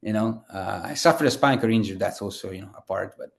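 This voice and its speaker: A man's voice: fairly low pitch, fast, vocal fry. A man, a guest telling his story in a casual interview, rambling with many fillers and restarts. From Italy. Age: 30s.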